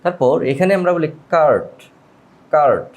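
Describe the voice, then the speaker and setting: A man's voice: fairly high pitch, expressive, darkish tone. A man teaching English pronunciation, repeating each word and quizzing the listener. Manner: repeats each word slowly, asking the viewer back. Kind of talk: spoken language lesson.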